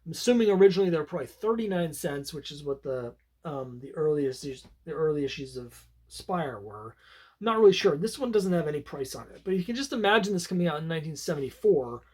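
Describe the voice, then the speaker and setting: A man's voice: fairly high pitch, big pitch swings, fast, a little mellow. A man casually reviewing an old comic book, talking in a rambling, conversational way with many fillers and restarts.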